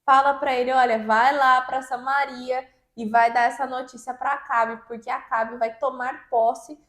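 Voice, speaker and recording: A woman talking through a Bible passage in a relaxed, conversational way. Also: sits high, normal speed, roomy sound. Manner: conversational, finishes her co-host's sentences. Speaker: co-host of a Bible reading podcast. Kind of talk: casual Bible commentary.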